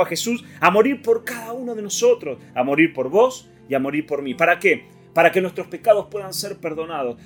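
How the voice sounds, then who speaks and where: A man with a Rioplatense Spanish accent preaching an Easter sermon, swinging from loud declarations to hushed lines. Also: high-pitched. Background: soft guitar music.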